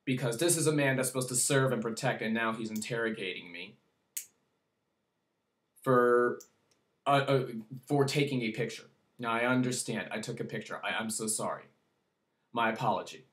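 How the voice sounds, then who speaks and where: A man's voice: medium pitch, normal speed, long pauses, fairly bright tone. A man earnestly retelling an upsetting personal story in a vlog, agitated, with many repeats and restarts. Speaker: vlogger. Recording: roomy echo, away from the mic.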